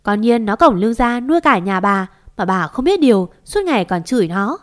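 Woman voicing a brash shouting neighbor woman. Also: medium pitch, lively intonation, normal speed, close to an everyday voice. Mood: angry. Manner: shouting, insulting. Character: brash, foul-mouthed middle-aged woman neighbor.

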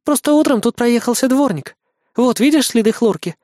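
A reader voicing a young female assistant in an audiobook, quick and matter-of-fact with a teasing edge. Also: medium pitch, animated, a little mellow, no echo, studio quality, voice pushed up, natural voice. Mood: brisk, wry.

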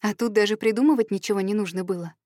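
A woman's voice: medium pitch, quick pace, warm tone, dry recording, studio quality. A young woman reading her own memoir aloud as narrator of an audiobook.

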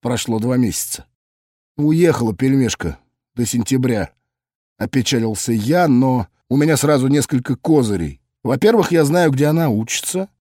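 A man narrating a first-person audiobook in a brisk, wry way, barking orders loudly in the scenes. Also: mid-range voice, lively intonation, no room sound, studio quality.

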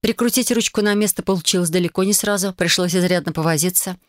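A woman's voice: fairly low pitch, fast, no room sound, clean studio sound. Woman narrating a fantasy audiobook. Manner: expressive, flustered heroine's voice.

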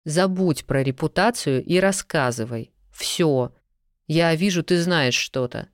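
A cold, commanding baron who interrogates in slow, measured phrases, as a reader plays him. The voice is smooth and dry, recorded close. His tone stays stern and controlled. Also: medium pitch, no room sound, natural voice.

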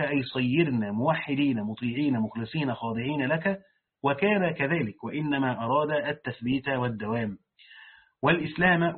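A man reading a Quran commentary aloud and pausing to explain it in plain colloquial speech, like a sheikh teaching a lesson. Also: medium pitch, breathy edge. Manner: reads the text aloud, then breaks off to explain it in colloquial speech. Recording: tinny phone-like lo-fi recording.

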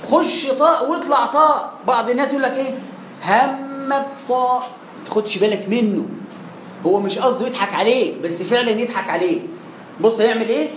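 A man's voice: very high voice, fast talker, fairly bright tone. A man with an Egyptian accent teaching Quran recitation in class, asking questions and answering them himself, drilling pronunciation. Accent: Egyptian Arabic. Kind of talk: classroom lesson. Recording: echoey room, faint background noise.

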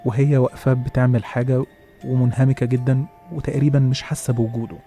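A man with an Egyptian accent narrating a horror story in a hushed way, restarting his phrases. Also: medium pitch, level tone, fast, faint music behind. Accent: Egyptian Arabic.

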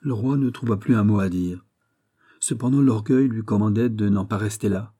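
A man reading a classic novel aloud as an audiobook narrator, in a measured storytelling manner. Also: fairly low pitch, dark tone.

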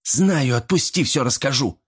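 A man voicing a small, rude male gremlin with a shrill, cheeky voice. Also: expressive, a little slow, slightly rough. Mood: squealing.

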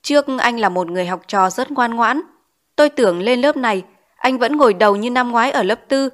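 In an audiobook character reading, a woman voices a stern male village schoolteacher who scolds with pointed questions. She speaks fairly quickly at a fairly high pitch, close to her everyday voice.

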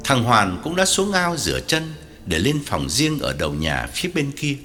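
Man narrating a story, very animated. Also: medium pitch, moderate pace, long reverb tail. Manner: very lively, wide-ranging delivery. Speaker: audiobook narrator. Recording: soft music underneath.

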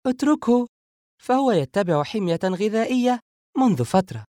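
A man's voice: high voice, sing-song, normal speed, dark tone, no echo, studio quality, pitched above the performer's own voice. A man voicing a playful, sly young woman in an audiobook. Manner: laughing, sly. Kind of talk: audiobook character voice.

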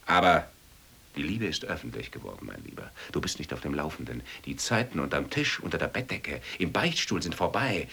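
A man's voice: a bass voice, sing-song, fairly quick, creaky, slightly rough, exaggerated voice. A man playing a sneering showman. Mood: mocking. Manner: sneering and showy, swings between loud and whispered. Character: mocking, theatrical man lecturing on love. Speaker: actor. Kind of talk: stage or radio play acting.

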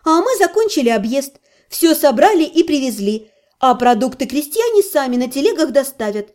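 A brisk young estate manager reports in a businesslike way, voiced by a woman reading a fantasy audiobook. Her voice sits high and lively but has a dark, mellow tone. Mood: cheerful.

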